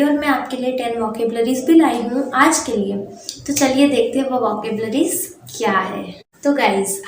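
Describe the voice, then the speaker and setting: Young female tutor with a high voice, recorded in an echoey room, patient and repetitive. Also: slight background noise. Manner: patient, repeats each meaning, tags lines with "theek hai". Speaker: English teacher on her channel. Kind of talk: casual Hindi lesson on English words.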